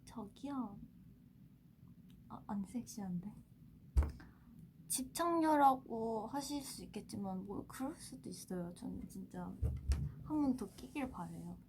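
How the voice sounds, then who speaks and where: A woman in her twenties hosting a casual livestream, chatting playfully with fans and often dropping to a hushed tone. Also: mid-range voice, animated, a little slow, noisy background. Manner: playful, often drops to a soft hush. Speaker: idol livestream host. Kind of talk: casual livestream chat, answering fan comments.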